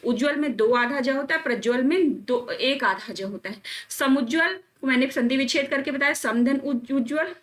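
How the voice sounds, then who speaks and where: A young woman teacher with a slightly raised voice runs an exam-prep spelling lesson. She calls out each word, then repeats it slowly several times. She coaxes her students along as she goes. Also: sits high, a bit bright. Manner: drills words by repeating them slowly; calls students friends and children, coaxing.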